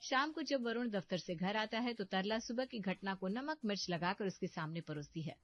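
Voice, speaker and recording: A woman giving scripted narration for an animated story, steady and even. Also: medium pitch, moderate pace, muffled recording.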